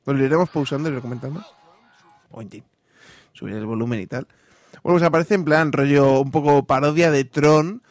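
A man casually commenting on videos, excitable, swearing freely and acting out the lines he describes. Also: a little high, fairly quick, pauses often, no echo, clean studio sound. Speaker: host reacting to videos.

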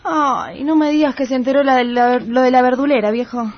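A woman's voice: high voice, steady tone, fairly quick, lo-fi sound. A woman playing a cheeky, blunt pregnant young daughter, in a radio comedy.

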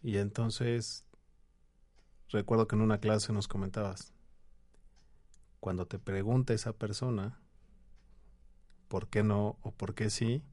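A Mexican man hosting a casual interview, asking earnest, measured questions. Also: fairly low pitch, steady tone, darkish tone. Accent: Mexican Spanish. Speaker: host.

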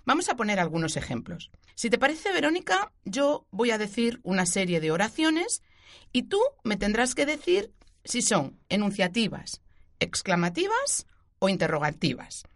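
A woman teacher, explaining a grammar point clearly and giving spoken examples on a radio show. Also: mid-range voice, very animated, moderate pace. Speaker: Spanish language teacher.

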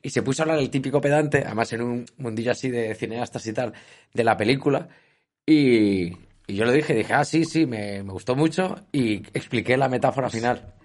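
Spanish man, Peninsular accent, quick chatty co-host, slangy storyteller. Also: mid-range voice. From Spain. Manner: fast, slangy, laughing anecdotes. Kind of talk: casual chat.

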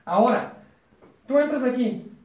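A man's voice: very high-pitched, expressive, measured pace, a little mellow. A man with a Mexican accent giving a chatty, joking business presentation to a small group, often checking that they follow. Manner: chatty, questioning the room, joking. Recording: roomy echo.

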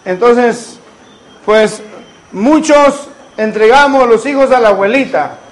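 A man's voice: very high-pitched, animated, slow, low-quality recording. A man, preaching a sermon as a pastor and asking the congregation rhetorical questions.

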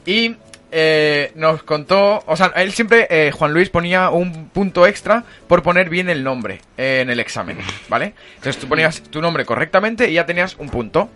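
Bright-voiced podcast host, laughing. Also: male voice, on the high side, expressive, normal speed. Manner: laughs often, storytelling with fillers. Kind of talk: casual chat.

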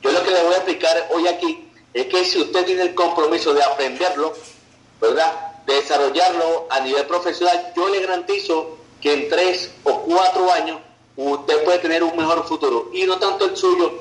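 A man's voice: fairly high pitch, fairly even intonation, normal speed, roomy sound, rough recording. A man from Venezuela, giving an online business presentation in a persuasive way and often checking in with "ok" and "right". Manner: persuasive, tags sentences with "ok" and "verdad".

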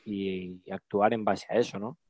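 A man's voice: on the low side, fairly even intonation, moderate pace, a little mellow, no room sound. A man with a Spanish accent from Spain, talking as a co-host in a conversational podcast discussion. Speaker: podcast co-host, animal trainer.

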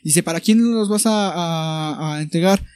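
A man's voice: a little high, unhurried, no echo. A young man with a Mexican Spanish accent, telling a story in a casual podcast chat and acting out the people he quotes. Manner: animated storyteller who acts out quoted people. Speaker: podcast co-host.

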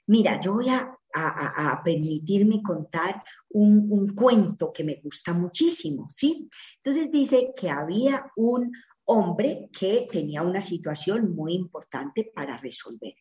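A woman's voice: mid-range voice, darkish tone. A woman answering an interview question by telling a parable, giving the characters voices, then explaining her point. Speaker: guest speaker. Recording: echoey, dull lo-fi sound.

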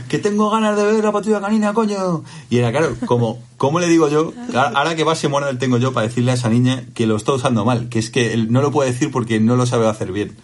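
A man's voice: medium pitch, fairly even intonation, fast talker, few pauses. A man with a Spanish accent co-hosting a podcast, telling stories in a rambling, hesitant casual chat. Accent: Spain. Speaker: podcast co-host.

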